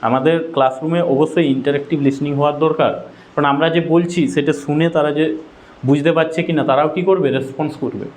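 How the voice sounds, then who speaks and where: A man's voice: a little high, steady tone, quick pace, a little mellow. A man with a Bengali accent giving an exam-prep lecture, asking questions and answering them himself, correcting his own slips aloud. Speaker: teacher.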